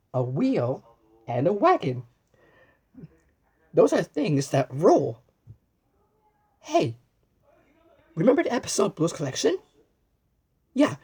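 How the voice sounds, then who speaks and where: A woman with a low, darkish voice and a breathy edge reads a children's storybook aloud with animation. She exclaims, asks the listener questions and pauses as though answered, and often stumbles over and repeats words, adding asides to the viewer.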